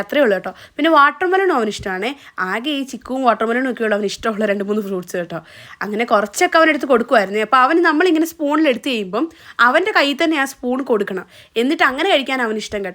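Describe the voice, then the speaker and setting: A woman's voice: sits high, a bit bright. A young woman, narrating a family vlog in a chatty, casual way. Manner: chatty, often adds a tag question. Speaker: vlogger.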